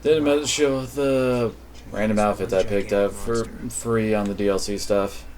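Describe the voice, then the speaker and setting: A man's voice: on the low side, steady tone, unhurried, darkish tone. A man streaming a game with casual commentary and wry, sarcastic asides.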